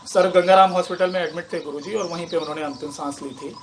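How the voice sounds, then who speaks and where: A man with a slightly raised pitch shares a spiritual testimony in a slow, pausing, reflective way. He is moved to tears at times. Faint birdsong runs behind him outdoors. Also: fairly even intonation, slight background noise. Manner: slow, reflective and emotional, with many pauses and fillers. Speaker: meditation teacher.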